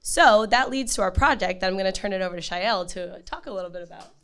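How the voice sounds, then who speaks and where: A hoarse woman speaking to a community meeting as a campaign manager. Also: medium pitch, fast talker, fairly bright tone. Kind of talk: prepared community meeting talk.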